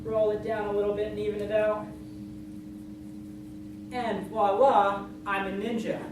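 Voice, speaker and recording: A person telling a tall tale to a live audience in an animated way, acting out bits of dialogue as they go. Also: mid-range voice, measured pace. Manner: animated, acts out dialogue and moves. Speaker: contestant in a storytelling contest. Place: live event room with an audience. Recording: very echoey, noisy room, distant mic.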